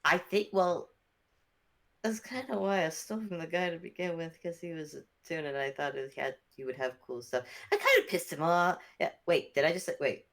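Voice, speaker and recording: A woman playing a tabletop game in character, excitable and stumbling over her words. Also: on the low side, normal speed. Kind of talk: in-character tabletop role-play.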